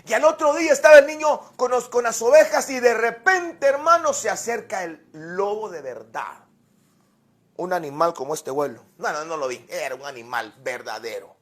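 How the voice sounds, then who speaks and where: A man's voice: high voice, animated, normal speed, a bit bright. A man preaching a sermon as pastor, telling a story and reading scripture, often repeating words and speaking directly to his listeners.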